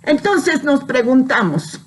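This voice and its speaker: Slow, high-pitched woman pastor preaching. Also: sing-song. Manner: preaching with emphatic rises on scripture, frequent "¿sí?" tags. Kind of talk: sermon.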